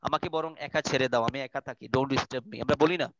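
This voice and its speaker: A man's voice: medium pitch, fairly even intonation, normal speed, highs cut off, very noisy. A man with a Bangladeshi Bengali accent teaching an online class, explaining in a chatty way and dropping in English phrases. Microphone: video call.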